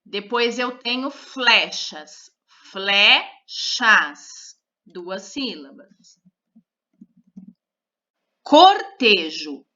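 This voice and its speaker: A woman teaching a third-grade lesson, repeating each word and counting its syllables with slow care. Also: on the high side, animated, sharp tone. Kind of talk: slow, careful classroom lesson. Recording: dull lo-fi recorded lesson.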